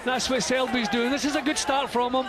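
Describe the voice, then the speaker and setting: A male co-commentator analyses a boxing match live from ringside. His voice is very high for a man, with clear crowd and arena noise behind it. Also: fairly even intonation, brisk.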